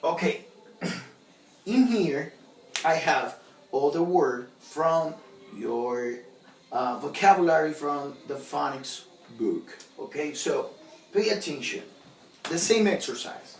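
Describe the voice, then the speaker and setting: A male phonics teacher talks very slowly and stretches out single letter sounds, repeating each one. He often checks in with a questioning "okay?" and moves between languages as he explains. He is recorded from a distance in a roomy space with faint noise in the background. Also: on the high side, animated. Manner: switches between English and Spanish to explain.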